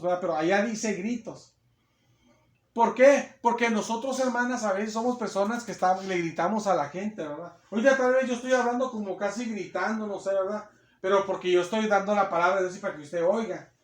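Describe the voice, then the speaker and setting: Guy preaching, pretty high voice, keeps asking "right?", phone recording in an echoey church. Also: fast. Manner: emphatic, repetitive, asks listeners "right?" often. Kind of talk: sermon. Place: church hall.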